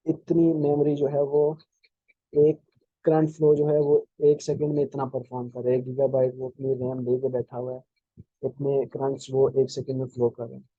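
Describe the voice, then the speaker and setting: A man giving a programming lecture, explaining slowly with many fillers and restarts, over a video call. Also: medium pitch, no echo, narrow, tinny audio. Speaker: programming instructor. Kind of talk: live online lecture.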